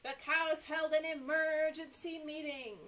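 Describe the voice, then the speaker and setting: A middle-aged American children's librarian hosts story time for toddlers, reading and chatting with animated, exaggerated expression. Her voice is high-pitched and unhurried. A camera a short way in front of her records her in a small indoor room with a sofa.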